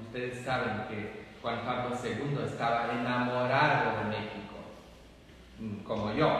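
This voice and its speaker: A priest, giving a chatty, humorous homily in a large empty church. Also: male voice, mid-range voice, a bit bright, slight background noise. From Poland. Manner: slow, chatty and humorous, many fillers. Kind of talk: conversational homily. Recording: echoey church hall from far off.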